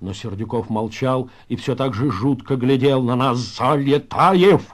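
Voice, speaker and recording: A man reading a dramatic story aloud as narrator, in a measured, grave way. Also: mid-range voice.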